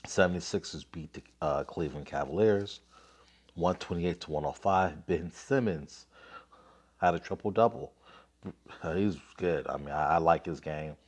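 A man in his thirties getting over a cold hosts a casual basketball podcast, coughing as he reads scores aloud and rants offhandedly with lots of fillers. His low-pitched voice moves at normal speed, recorded on a phone mic in selfie framing.

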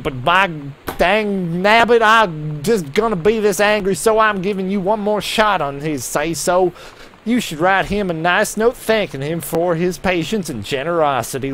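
A grumbling, irritable magazine editor with a thick Southern drawl, as a man puts him on while reading a letter aloud. He delivers the lines with exaggerated annoyance, in a fairly high voice. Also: fairly bright tone, slight background noise. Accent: put-on Southern US. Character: gruff angry male magazine editor.

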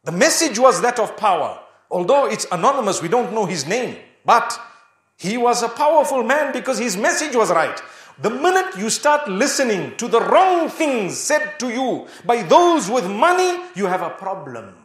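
A man's voice: very high voice, big pitch swings, normal speed, fairly bright tone, roomy sound. A man giving an Islamic sermon, emphatic and full of rhetorical questions. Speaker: Islamic preacher.

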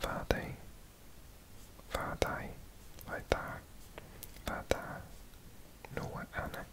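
Slow, gentle, and self-correcting, a Welsh man whispers his way through a language textbook. The soft, unvoiced whisper is part of an ASMR reading he records indoors at a table.

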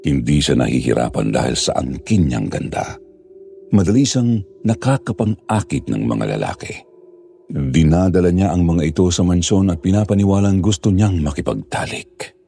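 A man narrating a scripted horror story in a grave, measured storytelling manner. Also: deep voice, sing-song, gravelly, dark tone, soft background music.

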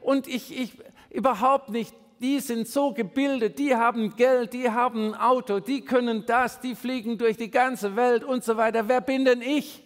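A man's voice: very high-pitched, steady tone, moderate pace, voice pushed up. A man voicing the biblical Gideon as a young, poor, self-doubting man who whines about his own smallness. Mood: self-pitying. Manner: whiny, self-pitying complaining. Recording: long reverb in a large hall.

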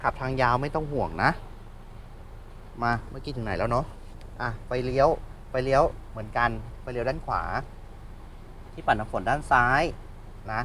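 A man giving a chatty, casual walkaround of a used van as its dealer, speaking politely and often pausing to restart, outdoors beside the vehicle. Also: mid-range voice, bright, forceful tone, a little hiss or hum. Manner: chatty salesman, polite filler particles, stops and restarts. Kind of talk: casual car walkaround review.

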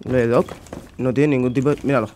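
A young man from Spain with a Spanish accent, commenting on his own game in his bedroom at home, swinging between muttering and excited shouting, and swearing a lot. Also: medium pitch, fast talker, a little hiss or hum. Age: young adult. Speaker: gamer streamer. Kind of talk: live gameplay commentary.

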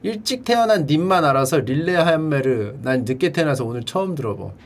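A man streaming and chatting casually, drilling words by repetition in a playful way and breaking into shouted cheers. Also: expressive, fairly quick. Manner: playful, drills words by repeating them in a high echo. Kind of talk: casual livestream chat.

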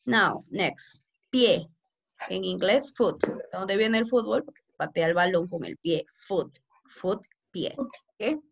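Slow-talking teacher woman, muffled call. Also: mid-range voice, animated, vocal fry, breathy edge. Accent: Peruvian Spanish. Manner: slow and repetitive, code-switching. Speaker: English teacher. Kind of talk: online class instruction. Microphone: video call. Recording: muffled video call audio, faint noise.

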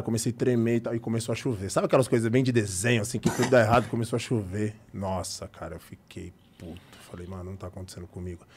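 A young Brazilian man, a guest on a podcast, tells an emotional personal story in casual talk, acting out the dialogue. His voice is mid-range with a darkish tone.

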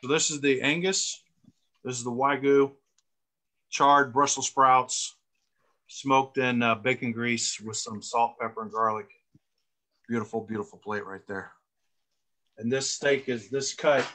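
A man co-hosting a casual cooking chat, relaxed, repeating words for emphasis. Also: medium pitch. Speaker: co-host.

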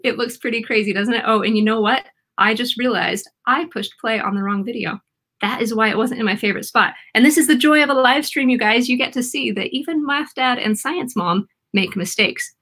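Upbeat thirtysomething woman hosting a live science stream, kinda high voice. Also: a little fast, a bit bright. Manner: upbeat, enthusiastic. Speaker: host.

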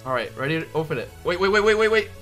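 A man streaming a video game, hyped up, shouting in bursts and swearing as he plays. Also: on the high side, animated, racing, soft background music. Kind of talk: excited gameplay streaming.

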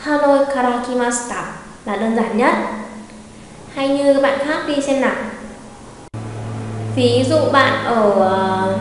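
High-voiced woman teaching in an echoey room. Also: a little hiss or hum. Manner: patient, repeats example phrases slowly. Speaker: Japanese language teacher. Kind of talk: online language lesson. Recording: very echoey room with long reverb.

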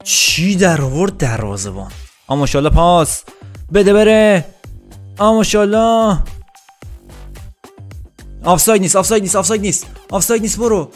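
A young man commenting excitedly on his own football video game match, shouting at the players and joking with viewers. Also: high-pitched, pauses often, soft background music. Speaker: gaming YouTuber.

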